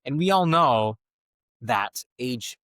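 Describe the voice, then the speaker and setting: A man's voice: medium pitch, animated, slow pace, pushed and bright, no room sound, studio quality. A man hosting a podcast conversation, thoughtful and searching as he frames his questions. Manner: thoughtful, searching, many fillers and restarts. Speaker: podcast host.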